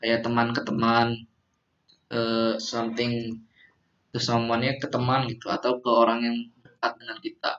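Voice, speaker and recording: A man's voice: mid-range voice, monotone, moderate pace, fairly bright tone. A man teaching English phrases, patiently repeating them for students to drill. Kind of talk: classroom teaching simulation. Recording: muffled lo-fi recording.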